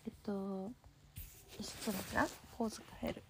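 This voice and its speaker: A woman's voice: mid-range voice, steady tone, moderate pace, a little hiss or hum. A young woman with a Kansai accent, casually chatting on a live stream, reading comments and thanking viewers, a bit sleepy. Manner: bubbly, thanks viewers often. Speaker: livestream host.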